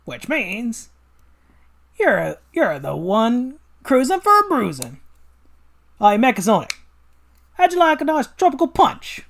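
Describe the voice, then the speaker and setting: A man's voice: very high voice, huge pitch swings, takes it slowly, gravelly, pauses often, fairly bright tone, pitched above the performer's own voice, heavily acted. A man voicing cocky, wisecracking young animal heroes in a brash, punchy comic read-along. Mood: taunting.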